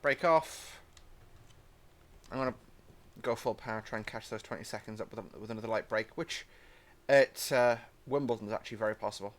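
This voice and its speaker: A fairly low male voice, a little fast, provides casual commentary on a train simulator. The speaker, a young British gaming host, rambles chattily and adds apologetic asides.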